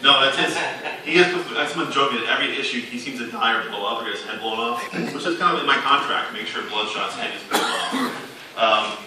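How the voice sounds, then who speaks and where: A man's voice: medium pitch, brisk. A man, a comic book writer on a panel, joking wryly about his series. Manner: joking, wry. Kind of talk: casual panel talk. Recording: echoey hall, far mic, faint noise.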